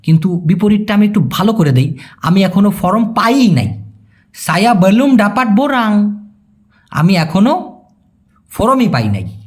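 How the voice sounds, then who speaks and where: With a high, sing-song and a little mellow voice, a man leads a relaxed language lesson, his pitch ranging widely as he explains. He goes over phrases slowly and patiently, checking that viewers are following along.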